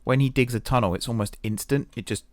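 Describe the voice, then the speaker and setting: A man's voice: medium pitch, fast talker, no echo, clean studio sound. A man giving casual gameplay commentary, thinking aloud and a little self-deprecating. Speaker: gaming video host.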